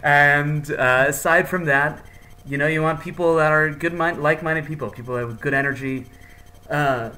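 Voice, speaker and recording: A man's voice: fairly high pitch, fairly even intonation, moderate pace, pushed and bright, poor audio. A man hosting a podcast in a casual, jokey, hyped-up chatting style. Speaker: podcast host. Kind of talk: casual chat.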